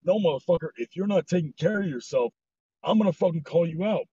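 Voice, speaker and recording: Husky man ranting with heavy swearing. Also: on the high side, lively intonation, brisk, dark tone, dry recording. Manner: heated, swears heavily, ranting. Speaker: podcast host. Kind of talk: blunt, profane casual chat. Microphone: voice chat mic. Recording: dull lo-fi online voice call.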